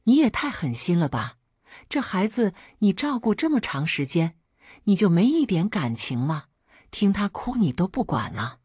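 A woman's voice: medium pitch, big pitch swings, normal speed, a little mellow, husky, no room sound, studio quality. A woman voicing a selfish, careless husband who talks impatiently and reproachfully.

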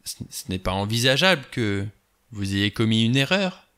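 A pushy, suspicious middle-aged ex-policeman, as a man reads him, pressing every question without letting go. The voice is bright and forceful, sitting a little low. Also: very animated, moderate pace, clear, resonant tone. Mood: insistent.

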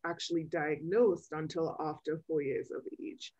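A woman developmental pediatrician explaining things in an interview over a video call, measured with frequent ums. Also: deep voice, fairly even intonation, darkish tone, lo-fi sound.

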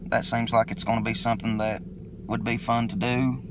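A middle-aged man from eastern Kentucky with a local accent, talking in a laid-back, halting way as he introduces his vlog in a video recorded on his phone. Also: mid-range voice, little pitch movement, background noise. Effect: self-recorded phone video. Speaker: motovlogger introducing his channel. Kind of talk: casual unscripted vlog intro.

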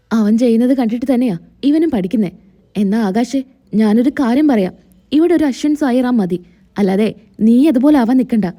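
A stern, caring elder sister voiced by a woman storyteller, earnest and scolding, fairly high with a mellow, dark tone.

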